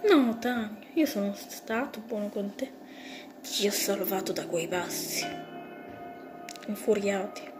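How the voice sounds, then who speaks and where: A woman voicing a male mouse who has become a self-righteous killer, insisting he is a hero, slowly, over music. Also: mid-range voice, natural voice. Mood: insistent. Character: male mouse brother turned deluded killer.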